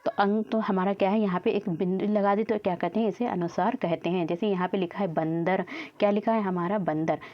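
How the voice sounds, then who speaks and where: A woman's voice: mid-range voice, fairly even intonation, fairly quick. A woman teaching a Hindi grammar lesson, patiently repeating points and asking questions she answers herself. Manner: asks and answers her own questions; repetitive, patient explaining. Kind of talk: classroom lesson explaining grammar. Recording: dull lo-fi audio.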